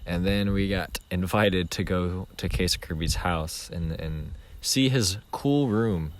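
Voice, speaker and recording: A young man co-hosts a podcast in a noisy home recording, his voice low and his pace slow. It's casual chat, and he rambles through a story with plenty of fillers.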